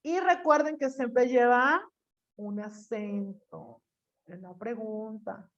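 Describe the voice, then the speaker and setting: A woman teaches a class in a chatty, teasing way, often stopping to quiz her students. Her voice sits a bit high. The audio is dull and muffled, like lo-fi sound. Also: slow. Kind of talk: online class lecture.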